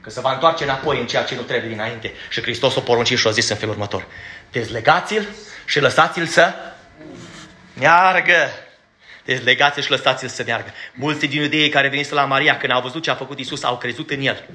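A man preaching a sermon in a church, emphatic and blunt, asking his congregation direct questions and sometimes stumbling over his words as he rushes. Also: mid-range voice, steady tone, bright, forceful tone. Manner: stumbles when rushing.

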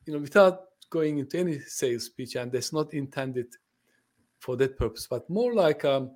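Lively intonation and a darkish tone mark this mid-range male voice, which moves at a moderate pace. The speaker, a translation company owner born in Turkey with Turkish as his first language, lives in the UK and is being interviewed conversationally on a podcast, sounding friendly and unsure, often restarting and using fillers.

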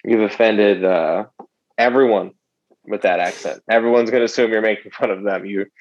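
A man's voice: fairly low pitch, steady tone, moderate pace, highs cut off. A man hosting a casual sports podcast, teasing his co-hosts in a dry way. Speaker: podcast host.

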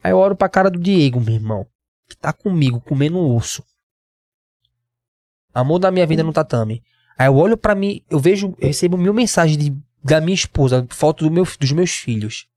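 A man in his twenties with a Northeastern Brazilian accent, telling his story as a podcast guest, slangy and animated, acting out what others said. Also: a little high, brisk, no room sound. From Pernambuco, Brazil. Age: 20s. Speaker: guest, MMA fighter.

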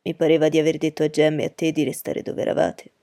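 A woman doing a calm, low-voiced father. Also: no echo, studio quality. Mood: firm, gentle. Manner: low, measured, kindly stern. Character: calm grown father, gentle and firm. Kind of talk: audiobook reading.

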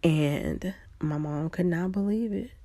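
A woman telling a personal story in a reflective, unhurried way, pausing often. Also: fairly low pitch, warm tone, dry recording.

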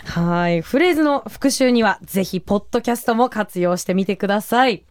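A woman's voice: mid-range voice, animated, fairly quick, darkish tone, dry recording. A woman assisting on a casual radio lesson, an eager learner who repeats phrases and often acknowledges with short replies.

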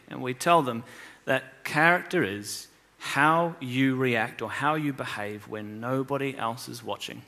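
A man's voice: mid-range voice, creaky, fairly bright tone. A man teaching children, retelling a scripture story with emphasis and rhetorical questions. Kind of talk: scripture reading and moral lesson.

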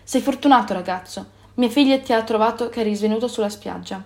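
A woman's voice: fairly high pitch, fairly quick, a little mellow, lightly acted. A woman voicing a kindly old man in a storybook, fatherly and reassuring. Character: kindly old island man, gentle host.

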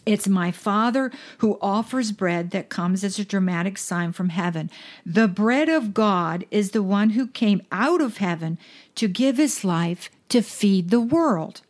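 A woman's voice: medium pitch, lively intonation. Woman minister reading scripture earnestly. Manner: earnest, slows down to stress verses.

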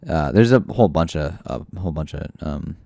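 Deep-voiced joking podcast guy. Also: lively intonation, brisk, vocal fry, mellow, no echo. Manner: rambling, joking, lots of fillers. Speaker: podcast co-host. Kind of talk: casual comedic chat.

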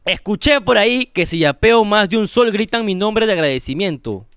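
A man's voice: sits high, expressive, moderate pace, fairly bright tone, clean tone, dry recording, studio quality. A young Peruvian man with a Peruvian Spanish accent, co-hosting a casual podcast and jokingly reading out donor names and amounts. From Peru. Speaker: podcast co-host.

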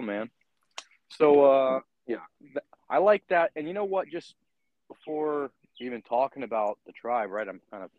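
A podcast host with a medium-pitched voice conducts a casual interview in long, rambling turns, regularly checking in with his guest by asking "right?" The recording is muffled and has no room sound.

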